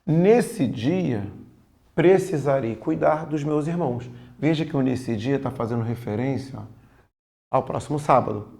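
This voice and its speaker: A man with a Brazilian accent teaching a casual online grammar lesson for exam prep, often slowing down to stress key points. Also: medium pitch, creaky, warm tone. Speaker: Portuguese teacher.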